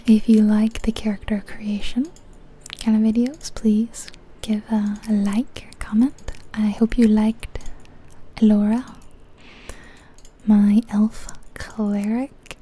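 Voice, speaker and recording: Commenting on a game, a female ASMR host whispers in a soft, breathy, chatty style that feels gentle and musing. Her voice is mid-range, and a little hiss or hum can be heard.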